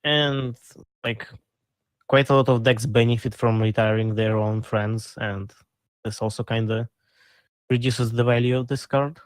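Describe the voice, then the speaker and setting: A man's voice: mid-range voice, steady tone, a little slow, smooth, dry recording. A man co-hosting a casual card game podcast, explaining in a plain, matter-of-fact way. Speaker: co-host.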